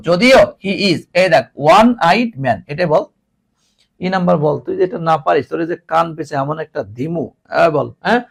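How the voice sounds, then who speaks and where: A man's voice: sits high, slightly rough. A man teaching an English grammar lesson to students, mixing English and Bengali with a Bangladeshi Bengali accent and teasing the class.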